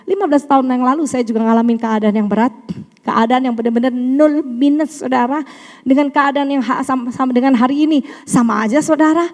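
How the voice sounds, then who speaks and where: A middle-aged woman preaching a sermon, animated and often calling out to the congregation. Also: high voice, brisk. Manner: animated, addresses congregation as saudara. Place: church hall. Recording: long church reverb.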